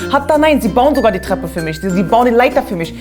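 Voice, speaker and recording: A woman host riffs through a comedic monologue with a fairly high voice. She is animated and slangy, and her talk is full of asides. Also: quick pace, over music. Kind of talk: comedic straight-to-camera monologue.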